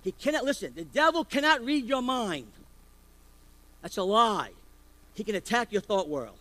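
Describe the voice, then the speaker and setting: A man delivering a sermon with a high-pitched voice. He preaches forcefully and keeps throwing rhetorical questions at the congregation. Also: big pitch swings, moderate pace, poor audio. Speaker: pastor.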